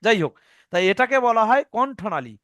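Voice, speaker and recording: High-voiced man teaching pronunciation. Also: very animated, fairly quick, fairly bright tone, dry recording. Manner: patient, repeats points, checks understanding; demonstrates sounds aloud. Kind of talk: Arabic letter pronunciation lesson.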